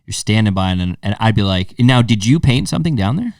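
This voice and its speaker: A man's voice: on the low side, big pitch swings, a little fast, a little mellow, no echo, clean studio sound. Encouraging male podcast host, slightly distant. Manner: encouraging, affirming, hesitant phrasing. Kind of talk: casual interview chat.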